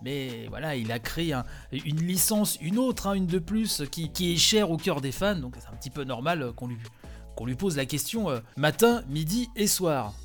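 Man, gaming news host, slightly high voice, chatty with fillers, faint music under. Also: animated, normal speed. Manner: chatty, many "hein" and "euh" fillers. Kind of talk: casual news commentary.

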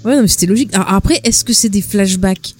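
A woman's voice: medium pitch, quick pace, darkish tone, breathy edge, faint music behind. A woman co-hosting a podcast, chatting casually about films in a blunt, dry, joking way. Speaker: podcast co-host. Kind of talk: casual film chat.

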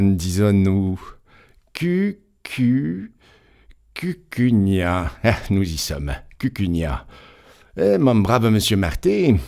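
A man voicing a kindly old male saint who keeps heaven's gate, speaking gently and patiently in a told tale. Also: lowish voice, creaky, heavily acted. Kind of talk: audiobook storytelling.

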